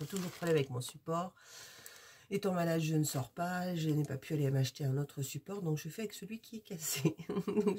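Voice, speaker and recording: A woman's voice: lowish voice, darkish tone, a little hiss or hum. A woman from France, a crafts YouTuber, chatting casually and rambling through a product unboxing with many hesitations.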